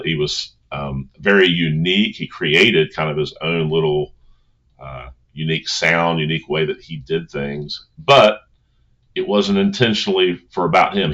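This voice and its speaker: Male coach, low and forceful, earnest and conversational motivational delivery, slightly lo-fi. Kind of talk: informal motivational talk.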